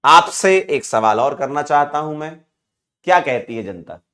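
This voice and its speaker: A man's voice: fairly high pitch, expressive, unhurried, fairly bright tone. A man from India teaching chemistry in a live online class, playful and teasing, counting aloud as he explains.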